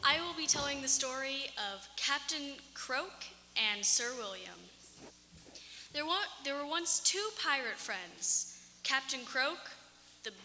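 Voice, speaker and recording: A woman narrating a tall tale on stage in a halting, improvised-sounding way, in an echoey hall. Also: sits high, sharp tone, a little hiss or hum. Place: indoor hall at a storytelling contest.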